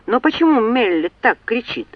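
A sensible older brother who reproaches the others, put on by a woman narrating. His tone is steady and firm. The recording is dry and slightly dull. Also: fairly high pitch, normal speed, no echo. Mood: reproachful.

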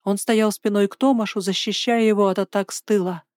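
A woman narrating a first-person fantasy story in a steady, dramatic reading. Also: medium pitch, brisk, no echo, studio quality.

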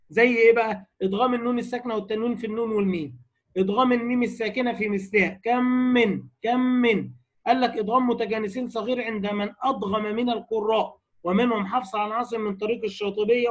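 High-voiced Egyptian tajweed teacher. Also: male voice, lo-fi sound. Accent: Egyptian Arabic. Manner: brisk explanatory, asks the class rhetorical questions. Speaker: Quran recitation teacher. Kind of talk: tajweed lecture.

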